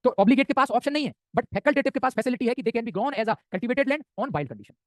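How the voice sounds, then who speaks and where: A man's voice: very high voice, animated, dry recording. A man from India teaching an exam-prep lecture, who keeps asking his students whether they understood and answers his own questions. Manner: rapid, keeps asking "samjhe?" and answering himself.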